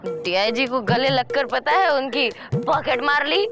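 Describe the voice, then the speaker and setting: High-pitched nagging sitcom wife. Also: female voice, lively intonation, unhurried. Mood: exasperated. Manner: scolding, sarcastic. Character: nagging, exasperated wife and mother in a comedy. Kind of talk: broad television sitcom acting. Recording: music playing behind the voice.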